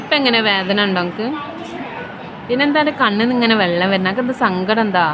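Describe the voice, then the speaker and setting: A woman speaks gently to a child, coaxing and soothing him in a hospital room. Her voice sits at an ordinary pitch, and clear background noise runs under her words throughout. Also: quick pace. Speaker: mother comforting her son. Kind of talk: casual talk to a child.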